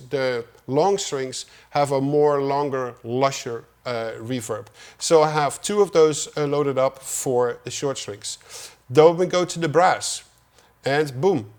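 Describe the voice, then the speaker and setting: A middle-aged man, a music producer, casually walking through his studio setup in a tutorial, with relaxed, self-deprecating asides. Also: a little high.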